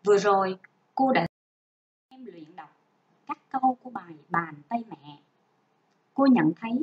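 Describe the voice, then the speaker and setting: A woman teaching a first-grade reading lesson online, reading slowly and spelling out each sound for young children. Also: fairly high pitch, darkish tone. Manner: slow, careful, drawn-out model reading and spelling out sounds. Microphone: home recording for an online class. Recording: dull lo-fi sound.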